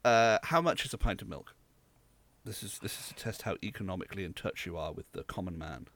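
A man's voice: deep voice, a little fast, a bit bright. A young man from rural England, co-hosting a podcast in casual, rambling chat. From Southwest England. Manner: rambling, hesitant, explains at length. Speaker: podcast co-host.

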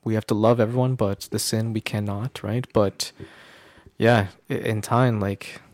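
Low voiced guy co-hosting a faith chat, pretty flat delivery, keeps checking you agree, hesitant. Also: a little slow, no echo. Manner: hesitant, roundabout, often seeking agreement with tag questions. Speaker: podcast co-host. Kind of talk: casual religious discussion.

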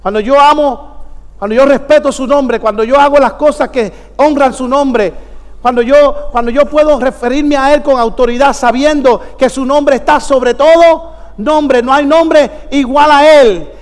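A male pastor delivers a fervent sermon and rises into emphatic, shouted declarations. His voice sits unusually high. The sound rings with a long reverb, as in a large hall. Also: measured pace.

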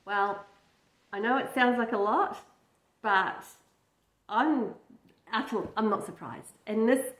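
A woman's voice: a little high, takes it slowly, long pauses, fairly bright tone. An Australian woman, a lawyer, giving chatty reaction commentary and laughing often. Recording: echoey room, faint noise.

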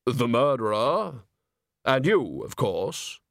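Death, slow and deep, as a man puts him on. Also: very animated, a bit bright, no echo, full character voice. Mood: solemn. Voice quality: deep, slow and dry-humored. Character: Death, solemn unhurried male bass.

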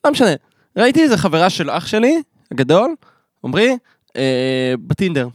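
Animated man in casual podcast chat. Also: high-pitched, dry recording, studio quality. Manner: animated storyteller, acts out dialogue. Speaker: podcast co-host.

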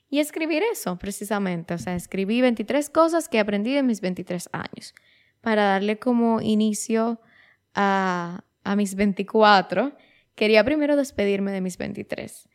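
A woman's voice: mid-range voice, normal speed, clear, resonant tone. A woman of twenty-three talking casually and reflectively as host of her own show, chatty, often restarting her phrases and dropping in English words. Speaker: podcast host.

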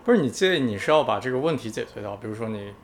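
A man co-hosting a podcast in casual chat, explaining calmly and patiently, often repeating words. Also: mid-range voice, very fast, a little hiss or hum. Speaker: podcast co-host.

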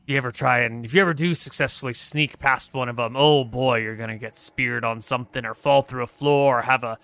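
A folksy, gossiping trader with a forceful, bright voice, sneering at dwarves, as a man puts him on. He rambles on in a dry, close sound with no room around him. His scorn comes across as casual chatter in a tabletop game. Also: medium pitch, fairly even intonation, fairly quick, no echo, close to an everyday voice. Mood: gossipy.

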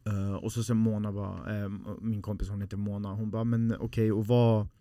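A man's voice: on the low side, little pitch movement, mellow, no echo. A man, a podcast guest telling a personal story in a heartfelt, rambling way with many fillers.

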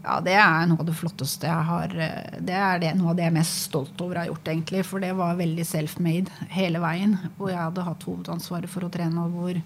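A woman's voice: fairly low pitch, little pitch movement, slight background noise. A woman with a Norwegian accent, a guest on a podcast, recalling her sled dog races in a reflective, casual way. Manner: reflective, recalls memories with pauses and fillers. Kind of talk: casual conversation.

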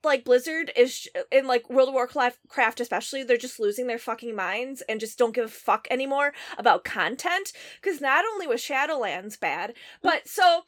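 Woman co-host, higher voice, animated profane gaming rant. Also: normal speed, few pauses. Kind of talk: casual gaming chat.

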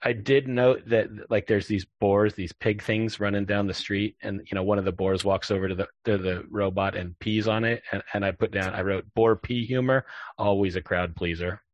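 A man hosting a casual chat, recapping a TV episode in a relaxed, joking way with lots of filler words. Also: on the low side, normal speed, no echo, highs cut off. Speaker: podcast host.

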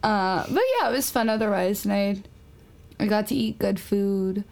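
A woman's voice: mid-range voice, normal speed, creaky, darkish tone. A young woman chatting on a podcast, telling her own mishaps with a self-mocking laugh. She keeps it casual and easygoing. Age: young adult. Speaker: podcast co-host. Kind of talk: casual chat.

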